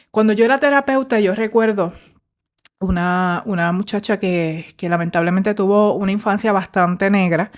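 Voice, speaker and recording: A middle-aged woman, a former therapist hosting a faith-based motivational podcast in a warm, conversational way. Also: mid-range voice. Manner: warm, conversational, mixes English fillers into Spanish.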